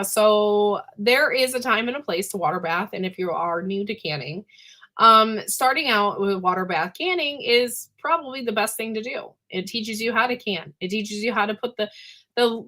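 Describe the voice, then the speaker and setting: A woman hosts a casual live chat in a hoarse, raspy smoker's voice that is giving out. Her tone is bright and forceful at a middling pitch. She talks informally to her viewers and clears her throat as she goes. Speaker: host of a live canning chat.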